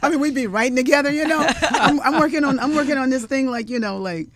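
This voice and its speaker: A middle-aged woman singer and songwriter, a guest in a studio interview, telling stories in a lively way, laughing often and breaking into song. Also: sits high, fast talker, slight background noise. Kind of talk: casual interview chat with storytelling. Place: radio studio.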